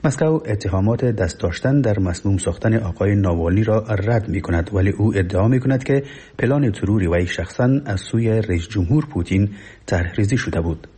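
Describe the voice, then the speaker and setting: A male radio newsreader with an Afghan Dari accent reads a report formally and solemnly. His voice is low, mellow and noticeably husky. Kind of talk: scripted radio news report.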